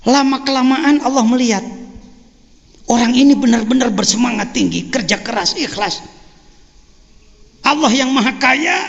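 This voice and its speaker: High, gravelly older Sundanese-accented preacher. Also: male voice. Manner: joking, animated teaching with frequent chuckles. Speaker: Islamic teacher. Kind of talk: religious lecture. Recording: dull lo-fi sound with long hall reverb.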